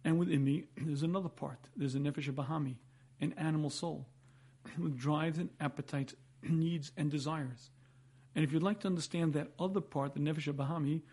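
Husky man lecturing. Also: fairly high pitch, dark tone. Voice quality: husky, frequent throat clearing. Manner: emphatic, rhetorical questions and repetition. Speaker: rabbi giving a Torah lecture. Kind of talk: religious lecture, explanatory teaching.

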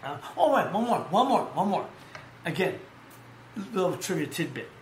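A podcast host with a slightly high voice chats casually about boxing and sports at normal speed, rambling and animated, piling up fillers and restarts. His voice echoes in the room over a faint hum of ambience.

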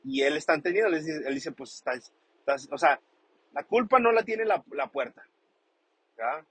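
Husky-voiced man explaining a song. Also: on the high side, expressive, moderate pace, a bit bright, low-quality recording. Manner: thoughtful, repeats and rephrases often. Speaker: song commentator. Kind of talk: casual explanatory commentary.

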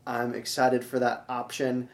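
A young man from Minnesota who works on a church staff hosts a casual interview, upbeat and promotional, often repeating words. His medium-pitched voice is monotone and measured in pace.

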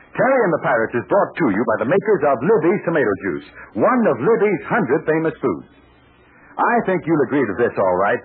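Male announcer for an old radio show, 1940s; lively pitch, enthusiastic ad read, faint hiss under it. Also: narrow, tinny audio. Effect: old radio show broadcast.

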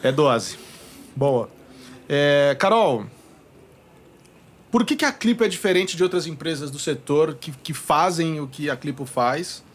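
A man hosting a casual podcast, relaxed and slangy, asking long rambling questions. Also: a little high, unhurried, long pauses. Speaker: podcast host.

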